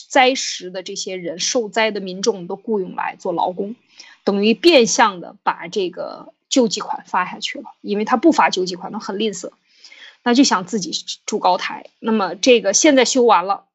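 A woman podcast host retelling an old story in casual commentary, full of fillers and restarts, voicing quoted figures in her own voice. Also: medium pitch.

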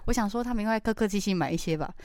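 A woman's voice: mid-range voice, racing, crowd noise. A young woman, co-hosting a podcast and telling travel stories with exasperated, laughing animation. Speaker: podcast co-host. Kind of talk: casual chat.

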